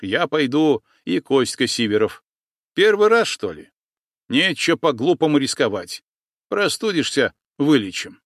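A man voicing a steady, commanding Cossack leader in an audiobook, firm and raised. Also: medium pitch, dry recording, clean studio sound, pitched above the performer's own voice. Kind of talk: audiobook character voice.

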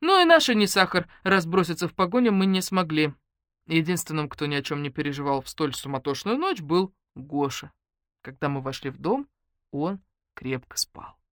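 A woman's voice: low voice, normal speed, dry recording, clean studio sound. A woman narrating a humorous novel in first person, reading expressively and putting on voices for the characters. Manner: lively, character-voicing, ironic. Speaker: audiobook narrator.

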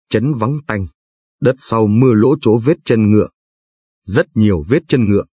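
Husky male audiobook narrator. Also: fairly low pitch, warm tone, dry recording, studio quality.

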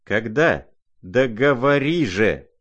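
A man voicing an irate, imperious older noblewoman who scolds in shrill, impatient outbursts. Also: expressive, takes it slowly, a bit bright, highs cut off. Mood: scolding.

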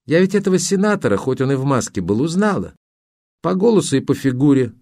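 A man's voice: medium pitch, very animated, fast talker, a little mellow, dry recording, studio quality, voice pushed up. A male audiobook reader voicing a naive, glamorous young woman who craves TV fame, light and chatty. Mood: carefree. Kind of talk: audiobook character voice.

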